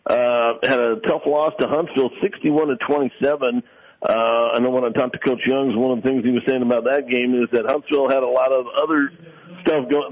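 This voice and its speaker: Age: adult. Sex: man. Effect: loud, dense radio voice. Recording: dull, muffled broadcast audio. Role: sports radio announcer. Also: mid-range voice. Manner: conversational, scores and schedules with frequent "uh" fillers. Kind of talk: high school football radio broadcast.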